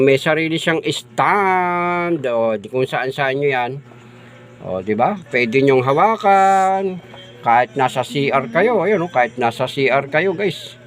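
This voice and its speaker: A middle-aged man vlogging about his new microphone. He talks slowly and loosely, tossing in the same filler phrases again and again. He runs through sound checks, sometimes from farther off the mic. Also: a little high, fairly bright tone. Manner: chatty and repetitive, says "guys" and "oh, di ba" often. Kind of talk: casual unboxing vlog.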